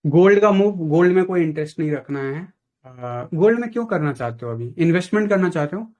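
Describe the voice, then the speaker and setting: A man's voice: a little high, animated, a little fast, darkish tone, highs cut off. A man talking as a trading mentor with a caller, casual and blunt, dropping in phrases. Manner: blunt, advising, mixes in English phrases. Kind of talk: casual live chat with a caller.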